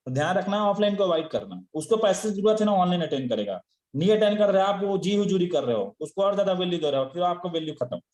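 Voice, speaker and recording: A man with a high voice runs a motivational sales training. He scolds his listeners, fires off rhetorical questions and chuckles between points. His voice rings around an echoey room. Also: sing-song, fast talker, a little mellow. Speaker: network marketing trainer.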